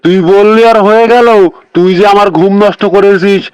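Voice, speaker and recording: A man voicing a fierce, grumpy male lion king in a cartoon, speaking gruffly and threateningly. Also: high-pitched, steady tone, fairly quick, a little mellow, no room sound, lightly acted, rough recording.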